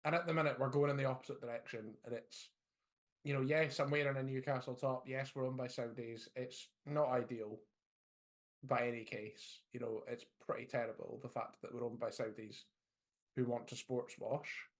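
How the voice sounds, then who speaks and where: A man's voice: mid-range voice, fairly even intonation, normal speed. A man co-hosting a casual football podcast, blunt and opinionated. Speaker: podcast co-host.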